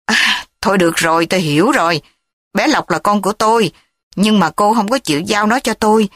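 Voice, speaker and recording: A woman reading the part of a scheming, threatening older man who talks in a measured, cold way. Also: medium pitch, a bit bright, no room sound, studio quality, close to an everyday voice. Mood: pleading.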